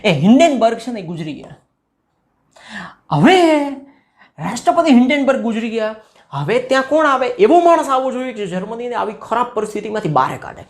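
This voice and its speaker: Male teacher, lively classroom explainer who asks questions as he goes. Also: very high voice, a little fast. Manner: lively, acts out quoted voices and asks students questions. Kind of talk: explaining a school history chapter.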